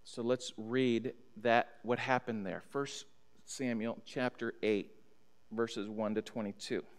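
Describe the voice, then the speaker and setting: American pastor teaching in a reverberant church. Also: male voice, mid-range voice, steady tone, slow pace. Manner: teacherly, checks in with listeners, reads scripture aloud. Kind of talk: Bible study lesson. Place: church sanctuary at a pulpit. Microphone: stand mic on pulpit, far camera. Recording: long church hall reverb.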